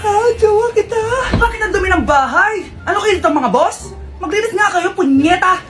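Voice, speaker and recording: A woman with a very high voice performs comedic POV skits and plays every character herself. She gasps and shouts for drama. Loud music plays behind her. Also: animated, normal speed, echoey room. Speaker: storyteller voicing all roles.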